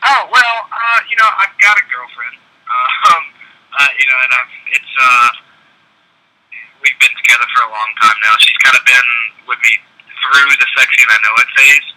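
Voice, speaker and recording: Teen male singer, phone-line interview, halting and casual, very bright tone. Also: medium pitch. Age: teens. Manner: hesitant, many fillers and restarts.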